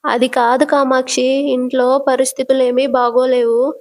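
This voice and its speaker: A woman's voice: high-pitched, level tone, moderate pace, a little mellow, close to an everyday voice. Woman doing an anxious scheming mother. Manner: anxious, pleading. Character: frightened, scheming middle-aged mother.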